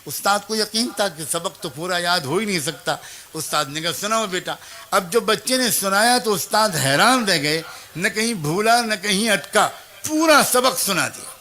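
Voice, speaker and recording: A man's voice: sits high, animated, bright, forceful tone. A man preaching a sermon, telling a moral story with emotion and speaking directly to mothers and young people.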